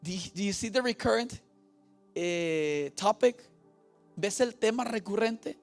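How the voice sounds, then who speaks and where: A man's voice: sits high, animated, takes it slowly, faint music behind. A Mexican man preaching a bilingual sermon as pastor, going back and forth between Spanish and English and asking his congregation questions. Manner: switches between Spanish and English, repeating each point; asks the congregation questions and has them repeat.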